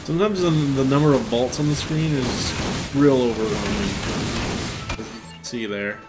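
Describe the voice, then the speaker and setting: Male gameplay commentator: casual, offhand, rambling delivery, mid pitch, game music clearly behind. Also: moderate pace, low-quality recording.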